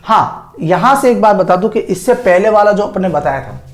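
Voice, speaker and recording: In an echoey room, a male chemistry teacher lectures at a whiteboard in a high-pitched, animated voice at a moderate pace. He poses rhetorical questions and answers them himself, calling students "sir" and "child."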